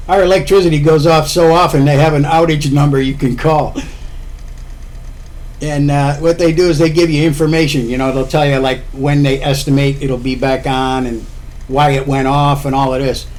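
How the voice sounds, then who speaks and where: A man from Florida chats about his home cooking for a vlog, rambling and circling back to repeat his points. His voice sits slightly high for a man. The talk is loose and unscripted, like explaining over the kitchen counter. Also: fairly even intonation, normal speed, darkish tone. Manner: rambling, chatty, repeats himself. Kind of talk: casual cooking talk to camera.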